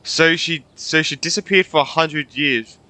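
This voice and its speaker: A man casually commenting on a game stream, chatty and quick to laugh. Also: on the high side, sharp tone. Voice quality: chatty, giggly reactions. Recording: stream audio with game music.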